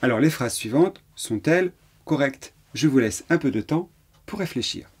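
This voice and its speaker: A man's voice: mid-range voice, lively intonation, normal speed, over music. A man teaching French grammar in a patient lesson, repeating examples and spelling words letter by letter. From France. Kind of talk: slow explanatory lesson.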